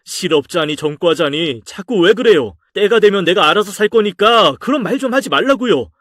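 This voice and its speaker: A man's voice: sits high, lively intonation, moderate pace, fairly bright tone, dry recording, studio quality, voice pushed up. A man reading a story aloud and voicing a sulky, hopeless young adult son who talks back in a raised voice. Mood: defiant. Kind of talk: audio drama story reading.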